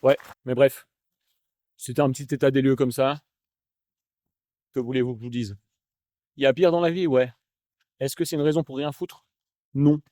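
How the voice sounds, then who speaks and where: Filmed on a handheld camera amid faint outdoor noise and rain, a young Alsatian-accented vlogger and schoolteacher chats slangily while walking through the countryside. His medium, mellow voice stays steady at normal speed, with long pauses and no echo, in a casual rambling monologue.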